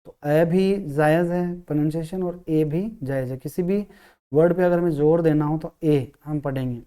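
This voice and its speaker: A man teaching an English grammar lesson, explaining step by step, asking himself questions and sounding out syllables slowly. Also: fairly high pitch, mellow, clean tone.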